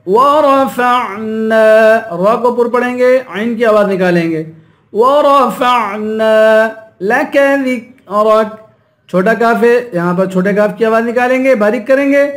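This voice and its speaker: A man teaching recitation, chanting verses slowly and melodically, then explaining each rule quickly in a lower voice. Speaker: Quran teacher.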